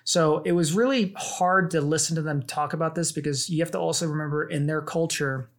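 A woman adopted from South Korea appears as a guest in a casual conversation, telling a personal story earnestly and haltingly with many fillers. Her voice is low.

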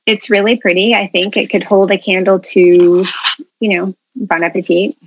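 A woman's voice: medium pitch, little pitch movement, normal speed, slight background noise. Woman guest telling her story, earnest, lots of um and you know, a bit muffled. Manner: earnest, chatty, many fillers. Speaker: interview guest, food media founder. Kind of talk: casual interview storytelling.

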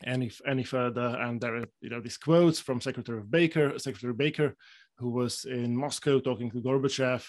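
A man's voice: mid-range voice, fairly quick. A man from Slovakia speaking as a panel guest, often hesitating and repeating words as he thinks. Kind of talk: panel discussion.

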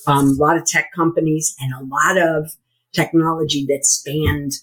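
Hoarse, croaky woman with a frog-like voice. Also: deep voice, flat delivery, normal speed, poor audio. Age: middle-aged or older. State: hoarse, needing lozenges. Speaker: podcast guest, former lawyer. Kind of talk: conversational interview.

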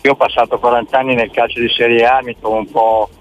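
A man's voice: mid-range voice, little pitch movement, fast, faint music behind. Older man calling in on a muffled phone line. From Milan area of northern Italy. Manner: rambling, addresses listeners as "signori". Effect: phone-line caller heard over the radio. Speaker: radio show caller. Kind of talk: call-in opinion on a sports radio show.

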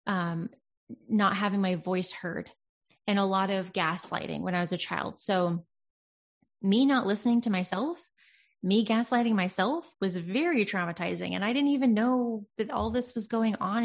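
A woman in casual conversation about healing and self-talk, speaking earnestly and reflectively, sometimes slipping into quoted voices. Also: medium pitch. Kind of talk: casual self-help chat.

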